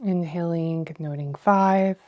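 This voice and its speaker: Female meditation guide, slightly low register, slow breath counting in short, measured phrases with pauses. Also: fairly even intonation, muffled recording.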